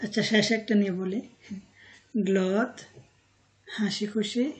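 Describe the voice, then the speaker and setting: A woman gives a vocabulary lesson at a very slow, deliberate pace. Her voice is dark and mellow, and she says each word and its meaning one at a time. She pauses on fillers and corrects herself now and then. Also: mid-range voice, steady tone. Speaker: language teacher.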